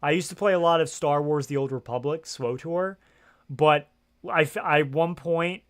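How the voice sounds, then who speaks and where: A male game streamer with a fairly high voice talks loosely into his headset mic. He wanders from point to point, packs his sentences with fillers, and swears often as he chats. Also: normal speed, smooth. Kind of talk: casual livestream chat. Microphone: gaming headset.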